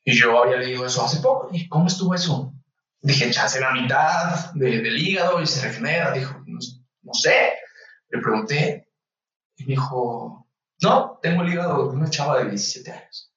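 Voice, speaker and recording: A young Mexican man, a medical student, telling a story casually and lively, acting out the voices of the people in it. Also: mid-range voice, normal speed, distant mic. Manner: animated, acts out voices in anecdotes. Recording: echoey room, voice off-mic, slightly dull.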